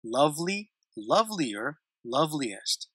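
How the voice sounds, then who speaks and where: Bright-voiced man teaching grammar. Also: a little high, very animated, dry recording, clean studio sound. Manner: repeats word lists slowly and clearly, with light laughs. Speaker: English teacher. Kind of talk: grammar lesson explaining English to Spanish speakers.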